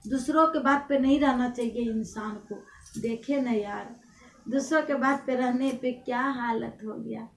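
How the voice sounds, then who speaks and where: Slow-spoken woman telling a devotional tale. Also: fairly high pitch. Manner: homely, preachy, addresses listeners directly. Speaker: devotional storyteller. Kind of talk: devotional folk storytelling. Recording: roomy sound, mic at a distance.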